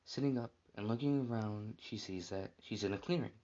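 Male storyteller, low mellow voice, reading a dark tale with small restarts; dull lo-fi sound. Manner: plain, unhurried reading with small slips and restarts.

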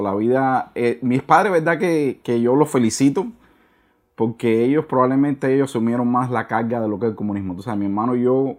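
A middle-aged man with a Cuban Spanish accent speaks as a guest in a relaxed interview. His voice sits at an ordinary pitch, and he talks sincerely, circling back over his words as he searches for the right one. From Cuba. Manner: earnest, searches for words, repeats himself. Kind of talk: casual conversational interview.

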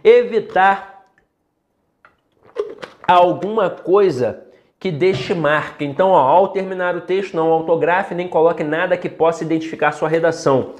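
A Brazilian man with a fairly high voice explains writing rules at a classroom whiteboard. He is emphatic and blunt, slowing down to stress points and scoffing at common mistakes. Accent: Brazilian Portuguese. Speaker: teacher. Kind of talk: whiteboard lesson on essay writing.

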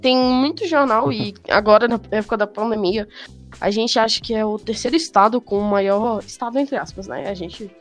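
A woman's voice: a little high, moderate pace, faint music behind. A young woman with a Brazilian accent in a casual, slangy chat.

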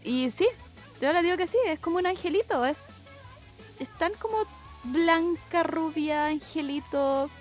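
A woman's voice: sits high, measured pace, soft background music. A young woman with a Chilean accent co-hosting a podcast, chatting casually and gushing with enthusiasm. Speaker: podcast co-host. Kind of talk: casual chat.

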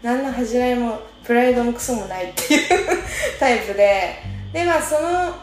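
A woman's voice: fairly high pitch, brisk. A young woman in her twenties casually telling a personal story, chatty and informal, laughing often as she talks. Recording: echoey room with faint music.

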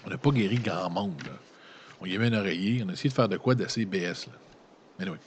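Reading an adventure gamebook aloud, a man with a Quebec French accent and a very deep, low voice talks fast, regularly breaking off to throw loose, slangy jokes at his listeners before returning to the narration. There's slight background noise as he reads and plays with casual commentary.

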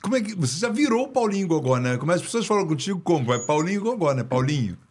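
A man's voice: fairly high pitch, very animated, fast, darkish tone, slightly rough. A Brazilian man co-hosting a podcast, chatting casually and chiming in with short agreements. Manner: brief agreeing interjections, laughs along. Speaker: podcast co-host.

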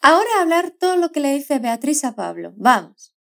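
High-voiced Spanish woman teaching pronunciation. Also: sing-song, vocal fry. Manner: slow, carefully modelled repetitions with encouraging prompts. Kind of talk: scripted language lesson narration.

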